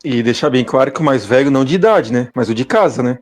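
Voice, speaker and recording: A man's voice: medium pitch, lively intonation, quick pace, faint music behind. A man commenting on a podcast in a casual chat, joking and self-mocking, with a Brazilian Portuguese accent.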